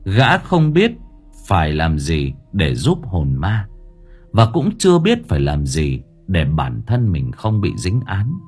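A man narrating a scripted audiobook story in an expressive storytelling manner. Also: low voice, takes it slowly, slightly rough, soft background music.

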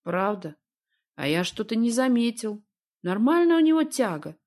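A woman reading an audiobook, voicing a calm, evasive man who talks in an unhurried, teasing way. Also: fairly high pitch. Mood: calm, coaxing. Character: calm, evasive middle-aged man, smooth talker.

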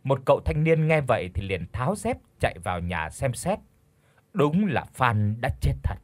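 A man narrating an audiobook story in an expressive storytelling read. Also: medium pitch, moderate pace, a little hiss or hum. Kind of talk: scripted narration.

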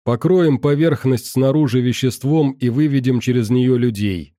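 A man's voice: medium pitch, normal speed, warm tone, dry recording, studio quality, natural voice. A man voicing an agitated middle-aged male scientist who argues defensively and insists he meant well. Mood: matter-of-fact.

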